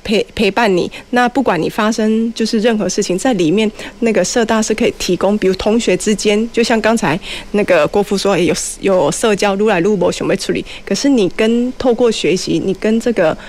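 A woman's voice: mid-range voice, brisk, few pauses, a little mellow. A middle-aged woman with a Taiwanese Mandarin accent, explaining things casually and chattily, slipping into Hokkien and asking rhetorical questions. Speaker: community college teacher, guest speaker. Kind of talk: casual explanatory talk on a show.

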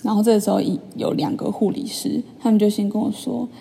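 A young woman, chatting in a vlog as she retells a personal story with lively, filler-filled asides. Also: medium pitch, fairly quick, vocal fry, big-room sound, slight background noise. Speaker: vlogger. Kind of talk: casual storytelling monologue.

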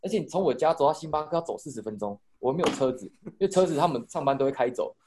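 A man's voice: on the high side, lively intonation, racing, slight background noise. A young man with a Taiwanese Mandarin accent, telling a rambling story in casual podcast chat with a lot of swearing.

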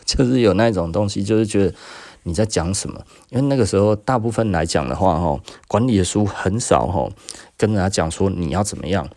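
Host: Taiwanese Mandarin man in his 40s, low and warm voice, dry close sound, chatty storyteller who laughs a lot. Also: brisk, no echo. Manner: chatty, laughs often, acts out quotes. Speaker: podcast host and business owner. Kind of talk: casual storytelling monologue.

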